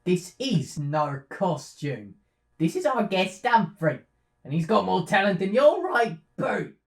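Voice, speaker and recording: A woman playing a petulant, excitable little male castle knight in a comedy film, eager for a fight. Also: on the low side, slow, heavily acted. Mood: loyal, defensive. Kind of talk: comedic film character acting. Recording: echoey room.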